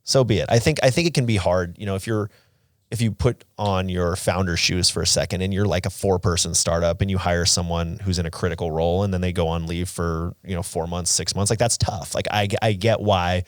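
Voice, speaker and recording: With a deep voice, fairly even intonation and a brisk pace, a man in his thirties co-hosts a podcast, talking conversationally, voicing opinions and saying "like" a lot. The recording is dry with clean studio sound.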